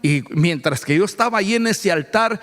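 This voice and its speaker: A male pastor preaches in a high voice, his pitch swooping widely as he builds to fervent shouts. He keeps calling out to the congregation. The sound rings with the long reverb of a church sanctuary. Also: animated, moderate pace. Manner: fervent, dramatic retelling with rising shouts; addresses the congregation directly. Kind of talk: sermon testimony.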